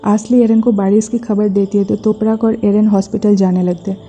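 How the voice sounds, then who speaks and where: A woman narrating a brisk plot recap of a drama episode, reading the characters' quoted lines in a plain voice. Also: medium pitch, level tone, warm tone, soft background music. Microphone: voice-over. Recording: dull lo-fi voice-over.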